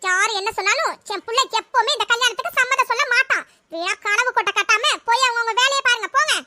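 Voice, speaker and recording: A woman's voice: extremely high pitch, quick pace, sharp tone, full character voice. A woman voicing a proud, scornful old grandmother in a cartoon, talking in a dismissive, taunting way. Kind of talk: cartoon voice acting.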